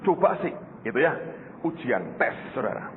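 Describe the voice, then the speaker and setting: A man's voice: medium pitch, sing-song, normal speed, slight background noise. An older man preaching a sermon to his congregation as their pastor, telling stories with jokes and often calling them "saudara". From Indonesia. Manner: storytelling, joking, addresses the congregation as "saudara". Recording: reverberant hall through a phone-like channel.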